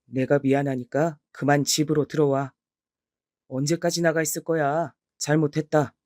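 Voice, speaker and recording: Woman doing a curt, lowered husband voice. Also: little pitch movement, moderate pace, a little mellow, dry recording, clean studio sound, natural voice. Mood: grudging. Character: stubborn middle-aged husband.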